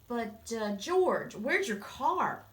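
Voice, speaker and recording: Curious storybook boy, full of questions, higher and louder than the reader's own voice, done by a woman. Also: big pitch swings, extremely slow, reverberant, exaggerated voice. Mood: puzzled. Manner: puzzled, questioning.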